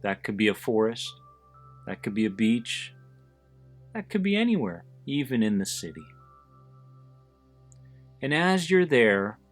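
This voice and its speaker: A man hosting an anxiety support podcast guides listeners through a meditation at a very slow pace, over background music. His soothing, mid-range voice swings widely in pitch, delivering short, deliberate phrases separated by pauses.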